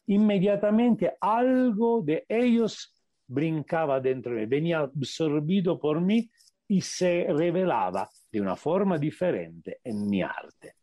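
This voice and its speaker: Speaking as a meditation teacher on a radio program, an Italian-accented man gives reflective interview answers, groping for words and slowing to underline important points. His pitch swings up and down widely, and his tone is warm. The recording is close and dry, with no echo.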